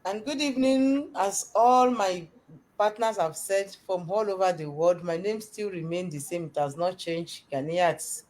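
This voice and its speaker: A woman's voice: fairly low pitch, a little slow, darkish tone. A woman from Nigeria, speaking earnestly and emphatically about her faith on a live show.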